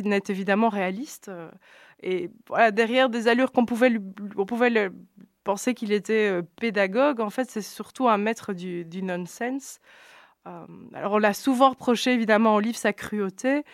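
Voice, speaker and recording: A woman's voice: medium pitch, no room sound. Woman, Belgian French accent, hesitant, many fillers, dry close sound. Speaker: radio book columnist. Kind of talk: casual radio book review.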